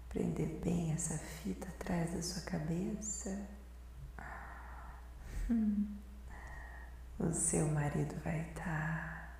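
A Brazilian woman performs an ASMR role-play, very close, as if right in your ear. Her delivery is breathy, sensual and very slow, with a dark, soft tone. The voice swims in heavy echo over music. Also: sits low, a little hiss or hum. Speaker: host of an erotic audio podcast. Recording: very echoey voice over faint music.

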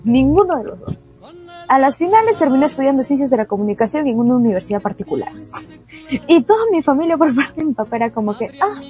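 Lively high-voiced young woman. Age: young adult. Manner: animated storytelling, mimics her father. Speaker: guest. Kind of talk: casual podcast chat.

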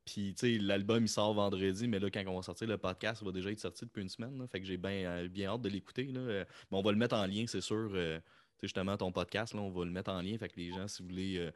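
A man from Quebec with a Québécois French accent, co-hosting a casual podcast interview, lively and full of "tu sais". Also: sits low, fast, no echo. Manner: energetic, repeats "tu sais". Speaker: podcast co-host.

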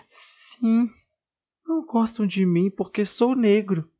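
A narrator voicing a shy, sad boy doll who sobs softly and hesitates as he speaks. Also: mid-range voice, very animated, extremely slow, voice pushed up. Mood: choroso. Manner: fala baixinha e chorosa, hesitante. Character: boneco menino tímido, triste e chorão.

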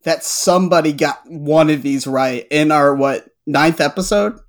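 A man co-hosting a casual podcast, playful and quick to laugh. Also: fairly high pitch. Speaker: podcast co-host.

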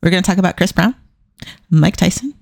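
A woman's voice: fairly low pitch, fairly quick, gravelly, dry recording. A middle-aged woman hosting a casual solo podcast, stumbling a little over her words with a dry mouth, irreverent and self-deprecating. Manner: stumbling, mumbling articulation. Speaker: podcast host.

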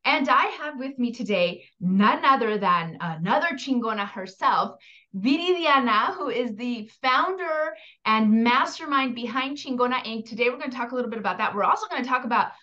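Excited woman podcast host, bright kinda high voice, chatty, bit muffled audio. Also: normal speed. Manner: excited, chatty, mixes in Spanish words. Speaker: podcast host and women's empowerment coach. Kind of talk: casual podcast interview.

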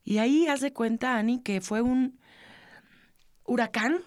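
A woman's voice: fairly high pitch, a little slow, dry recording, clean studio sound. A middle-aged woman, telling a personal story earnestly and acting out what others said. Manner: earnest, animated, acts out quoted dialogue. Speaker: podcast co-host, interviewee.

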